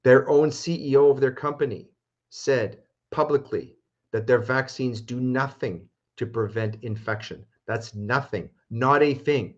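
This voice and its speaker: A man's voice: medium pitch, a little slow, dull audio. A man, a lawyer, talking heatedly and emphatically on a discussion show, with restarts.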